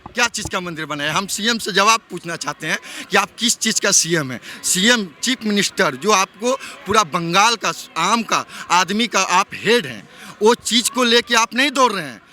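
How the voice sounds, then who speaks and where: A man's voice: high voice, lively intonation, moderate pace, sharp tone, a little hiss or hum. A man from West Bengal, India answering a street interview. He talks heatedly and fires off rhetorical questions.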